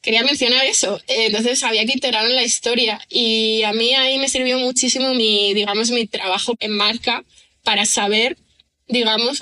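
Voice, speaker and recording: A woman writer and screenwriter, appearing as a guest on a relaxed podcast, talks thoughtfully in a slightly high, bright, tense voice. She fills her speech with "digamos" and "¿no?" over and over.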